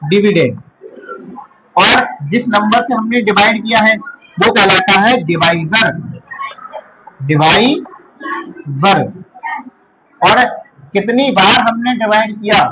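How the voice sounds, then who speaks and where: Male math teacher from India, high voice, drills terms by repeating them, noisy recording. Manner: asks questions and answers them himself, repeats key terms slowly. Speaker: school teacher. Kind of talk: classroom math lesson.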